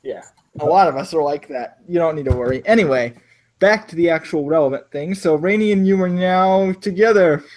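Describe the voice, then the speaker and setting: A South Florida man with no accent runs a tabletop game as game master, chatting casually and packing his talk with fillers, "like," and restarts. His voice is a little high and a little fast, with a darkish tone.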